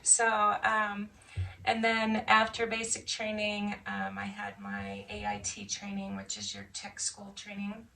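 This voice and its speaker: A woman in her fifties, an American military veteran from Nevada and Michigan, tells her own story in an interview, chatty and halting and often chuckling. Her mid-range voice is creaky with a sharp tone, recorded on a distant mic with faint background noise.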